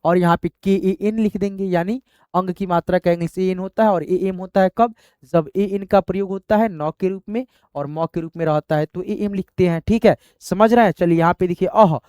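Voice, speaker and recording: A man's voice: sits high, normal speed, darkish tone, clear, resonant tone, dry recording, studio quality. A man teaching a step-by-step lesson, patient and repetitive, often calling his listeners friends and checking that they follow. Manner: checks understanding with short tag questions. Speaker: Hindi and English teacher.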